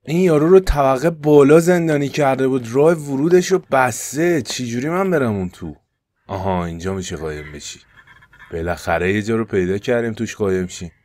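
This gaming YouTuber, who has an Iranian Persian accent and an animated mid-range voice, is doing let's-play commentary. His delivery shifts between panicked, loud yelps and hushed, tense mutters.

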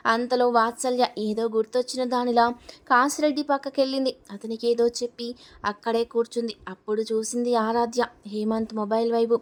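A woman narrating a serial story in a steady, expressive storybook reading. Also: a little high, fairly quick.

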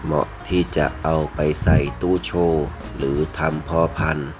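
A man presenting items for sale in a video, speaking politely in short, halting phrases over music. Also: extremely low pitch, flat delivery. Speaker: fish seller presenting betta fish for sale. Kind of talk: unhurried sales video narration. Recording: music playing behind the voice.

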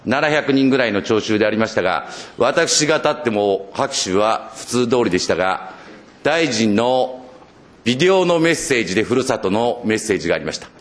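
A man from northern Japan questions officials in a parliamentary committee room. His delivery is formal and ceremonious, and he often pauses on hesitation fillers as he speaks into a desk microphone. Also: fairly low pitch, expressive. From Akita, Japan. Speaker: legislator asking questions.

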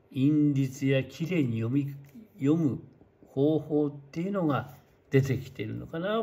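A man's voice: medium pitch, vocal fry, darkish tone, husky. An older man, an opera singer and voice teacher, giving a rambling spoken lesson into a studio mic with a pop filter, modelling words aloud and speaking a little unclearly because of tooth trouble.

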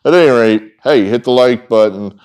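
A middle-aged man hosts a sports betting picks video, chatting casually and off the cuff to the camera in a rambling, folksy way full of ums and trailing asides. His mid-range voice is clear and resonant with a darkish tone, and he speaks at a moderate pace. He sits in an indoor room with wood-paneled walls, in front of a whiteboard.

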